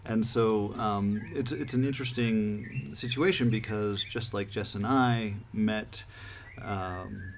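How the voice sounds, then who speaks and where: A man's voice: on the low side, fairly even intonation, slow pace, gravelly, hardly any pauses. A man hosting a podcast in casual chat on an outdoor deck, hesitant with many fillers and restarts. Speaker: podcast host. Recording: background noise outdoors.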